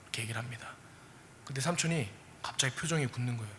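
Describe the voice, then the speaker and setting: A man preaching a sermon as a pastor, telling a story in an animated way and asking the congregation questions. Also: medium pitch, very fast, long reverb tail, slight background noise.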